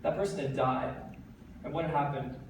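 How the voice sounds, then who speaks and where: Speaking at a normal speed with a medium-pitched male voice, an earnest American teen delivers a TEDx talk on stage before a live audience. He is energetic and makes light self-deprecating jokes. The large hall is very echoey, his voice comes from a distance, and there's faint background noise.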